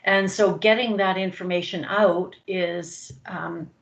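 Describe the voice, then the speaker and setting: A woman speaking as a councillor in a council meeting, soft-spoken and hesitant with frequent ums. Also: on the low side, fairly even intonation, slow pace, rough recording.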